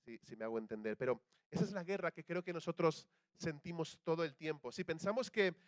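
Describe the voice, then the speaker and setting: A man's voice: a little high, expressive, fairly quick, no room sound. A young man with a Spanish accent from Spain, preaching a sermon in a chatty way and putting questions to the congregation. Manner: conversational, asks the audience questions, acts out quoted voices.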